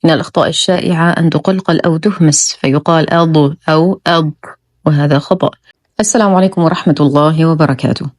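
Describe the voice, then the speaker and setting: A woman with a low, steady voice teaches recitation step by step, sounding out each letter slowly before she explains the rule. The recording is dry and close, with no room sound. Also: no echo. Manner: calm, methodical, demonstrates sounds slowly then explains. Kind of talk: slow, careful tajweed lesson.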